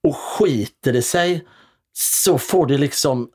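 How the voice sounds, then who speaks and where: A man, an actor and comedian, telling theater anecdotes in a loose, animated way, often restarting with hesitations. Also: mid-range voice, slightly rough. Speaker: stage actor and comedian guest. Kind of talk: casual anecdotal storytelling.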